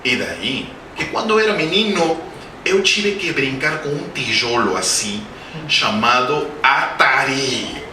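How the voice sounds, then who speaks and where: Speaking slowly and with animation in a medium-pitched voice, a man in his forties lectures humorously at a spiritist center, telling anecdotes and quizzing the audience. A native Spanish speaker, he speaks Portuguese with a Spanish-speaking accent; the lecture hall is roomy, the mic distant, with crowd and background noise.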